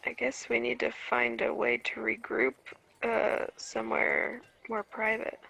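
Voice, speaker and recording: A woman's voice: a little high, completely flat delivery, a little slow, gravelly, sharp tone, slightly rough, rough recording. A woman playing a tabletop game who speaks in a hesitant, polite way with many fillers. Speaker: player.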